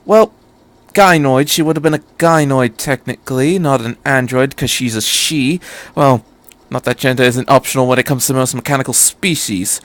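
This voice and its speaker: A man's voice: medium pitch, moderate pace, dry recording, lightly acted. A man voicing an eccentric, playful time-traveling doctor who chatters airily and wanders into digressions, in a story reading. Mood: airy, musing. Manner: airy, digressive, quizzical chatter.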